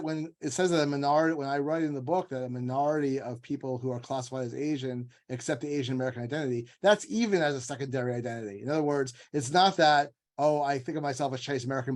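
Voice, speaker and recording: Medium in pitch and slightly mellow, the man's voice belongs to an author and legal scholar guesting on an informal panel. He tends to wander and stress his points emphatically, often acting out imagined quotes.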